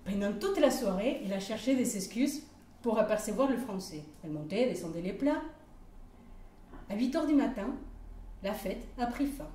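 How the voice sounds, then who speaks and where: A woman telling a personal story aloud at a live event, lively and often pausing with hesitations. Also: mid-range voice. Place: community hall. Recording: roomy hall, distant mic, faint noise.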